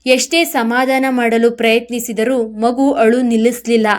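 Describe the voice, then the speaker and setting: Woman narrating a family story, steady earnest read, a bit high pitched. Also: a little slow.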